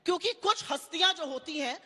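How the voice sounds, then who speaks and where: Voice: very high voice, expressive, a little fast, bright, forceful tone, long reverb tail. A debate panelist talking sarcastically and mockingly in a heated political debate.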